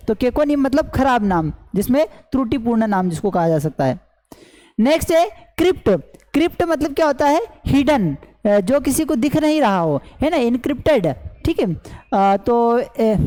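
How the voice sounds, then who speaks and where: A woman's voice: high-pitched, a little mellow, rough recording. A woman teaching English root words as an online class teacher, explaining each word and then asking and answering her own questions. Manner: repetitive question-and-answer teaching, many fillers. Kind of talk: explaining lesson in Hindi with English terms.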